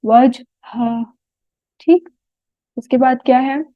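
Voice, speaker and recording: A woman with a Pakistani Urdu accent leads a tajweed class at an unhurried pace, drawing out each Arabic word and checking in with her students. Her voice sits a little high, and the audio is tinny, phone-like and dry. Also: dry recording. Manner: asks frequent "right?" checks and drills words slowly. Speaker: Quran recitation teacher. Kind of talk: tajweed lesson, repeating words slowly.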